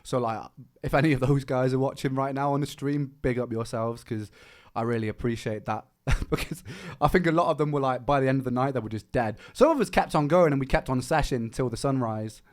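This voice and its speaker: A musician livestreaming chats casually in a brisk, mid-range voice, rambling through explanations of production and rhyme technique. He restarts often and drops fillers like "man."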